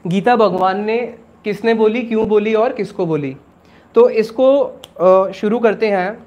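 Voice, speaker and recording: A man's voice: sits high, unhurried, dull audio. A man teaching a religious class, explaining step by step, asking questions and then answering them himself, with English words mixed into his casual Hindi.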